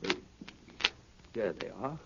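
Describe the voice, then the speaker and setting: An actor playing a menacing criminal mastermind professor, formal and precise, in a muffled, noisy 1930s radio drama. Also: male voice, takes it slowly, pushed and bright. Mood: coldly controlled. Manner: precise, stately, threatening.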